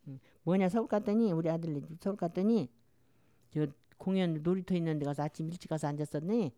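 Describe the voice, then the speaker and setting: A woman's voice: on the low side, a little fast, dark tone, no echo. An older woman from Jeolla with a strong Jeolla dialect, chatting in a rambling, storytelling way as an interviewee. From Jeolla, Korea. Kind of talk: casual chat.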